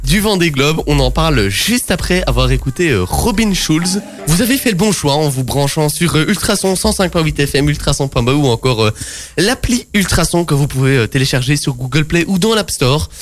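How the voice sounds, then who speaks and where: A man's voice: on the high side, animated, fairly quick, soft background music. A man hosting a casual radio show, bantering and laughing with his co-hosts. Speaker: radio host.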